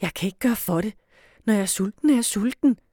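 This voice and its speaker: A woman's voice: medium pitch, mellow, dry recording, clean studio sound, pitched above the performer's own voice, natural voice. A woman voicing a stubborn, hungry young boy in a storybook reading, speaking in a whiny, raised voice. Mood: sulky.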